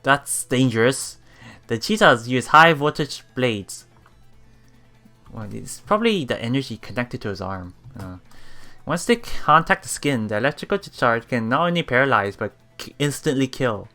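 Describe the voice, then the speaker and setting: Game music runs under an animated, bright, forceful medium-pitched male voice reading a visual novel for a let's play. His delivery is halting, with stumbles, repeated words, and his own commentary added in.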